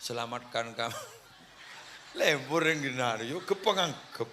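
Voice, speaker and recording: A man's voice: mid-range voice, animated, measured pace, heavy background noise. A man giving a humorous religious lecture, joking with his listeners and leading prayers aloud. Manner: jokes with the crowd and leads prayers aloud. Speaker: preacher.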